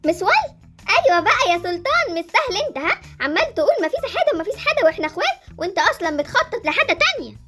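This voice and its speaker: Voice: extremely high pitch, big pitch swings, very fast, over music. A young performer with an Egyptian accent voicing a greedy, teasing young girl in a Roblox roleplay series.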